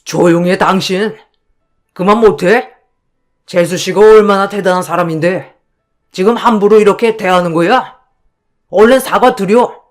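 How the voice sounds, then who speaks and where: A woman's voice: medium pitch, unhurried, long pauses, faint music behind, natural voice. A woman voicing a middle-aged brother-in-law who scolds and gives orders. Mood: commanding. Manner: commanding, scolding.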